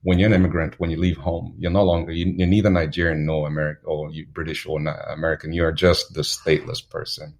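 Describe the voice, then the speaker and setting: A man from Zambia speaks as an interview guest, his voice extremely low and rough with fry. He tells his stories at an unhurried pace, holding his pitch level and even, and he chuckles now and then. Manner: unhurried, anecdotal, chuckles while telling stories. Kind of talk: reflective storytelling in an interview.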